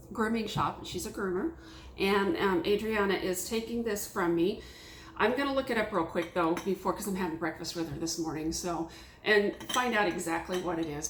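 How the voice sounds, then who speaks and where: A woman chatting casually about her thrift finds, rambling and excitable with lots of fillers, at a table at home. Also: medium pitch, reverberant, a little hiss or hum. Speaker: thrift haul vlogger. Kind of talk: casual chat. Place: small home room at a table.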